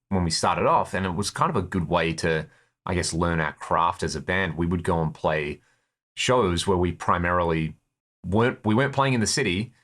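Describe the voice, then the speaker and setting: Low-voiced and fairly bright in tone, this man speaks with an Australian accent. A guitarist in a touring band from Perth, he's being interviewed and shares stories from his own life conversationally.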